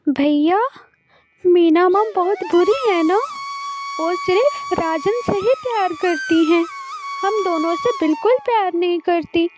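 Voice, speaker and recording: A woman voicing a sad, gentle young girl in a cartoon story, talking in a soft, pleading way. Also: extremely high pitch, very animated, unhurried, over music, pitched above the performer's own voice, exaggerated voice.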